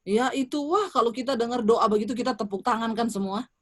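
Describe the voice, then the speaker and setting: A woman's voice: fairly high pitch, fast. A woman evangelist preaching a sermon at a church service, telling a personal testimony and addressing the congregation directly. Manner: addresses the congregation as "saudara", vivid storytelling.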